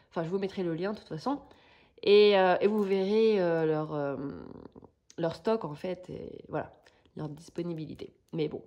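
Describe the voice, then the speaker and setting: A woman's voice: lowish voice, a little mellow. A woman vlogger chatting casually through a craft kit unboxing, hesitant and searching for words with many fillers.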